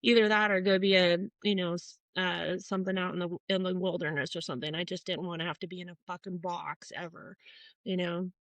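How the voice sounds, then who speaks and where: A woman's voice: on the low side, flat delivery, a little fast, fairly bright tone, dry recording, rough recording. Profane rambling middle-aged woman, dry sound. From Portland, Oregon, US. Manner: rambling, profane, many fillers and restarts. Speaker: tattoo artist guest. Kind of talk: casual interview storytelling.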